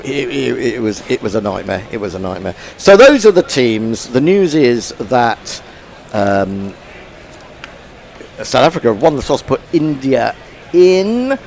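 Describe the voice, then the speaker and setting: Gravelly man hosting cricket chat. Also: medium pitch, very animated, a little slow, darkish tone. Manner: rambling, self-mocking, stumbles over names. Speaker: cricket commentary host. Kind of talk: casual pre-match chat.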